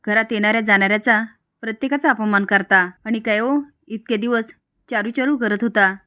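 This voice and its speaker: A woman's voice: fairly high pitch, brisk, sharp tone, smooth, no echo, studio quality. A woman voicing an outspoken married woman who argues back. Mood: indignant. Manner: indignant, argumentative.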